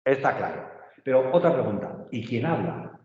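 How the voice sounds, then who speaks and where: A male teacher talks his class through a lesson, pausing to check they understand. His voice sits mid-range. The room rings with a long echo, and the sound is dull and muffled. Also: medium pitch, big pitch swings. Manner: patient, checks understanding with frequent tag questions. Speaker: literature teacher. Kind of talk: online class lecture. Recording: echoey, roomy, dull sound.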